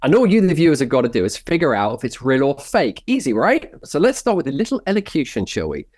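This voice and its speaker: A man co-hosting a history show, speaking in an animated, jokey, theatrical way. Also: mid-range voice, fast talker, slightly rough, no room sound, clean studio sound. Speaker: co-host.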